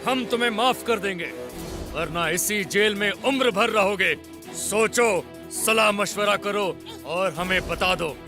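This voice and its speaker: A man's voice: sits high, slow pace. An actor voicing a scheming male alien villain boss in a cartoon, giving threatening, bossy orders. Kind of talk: cartoon voice acting. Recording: music behind.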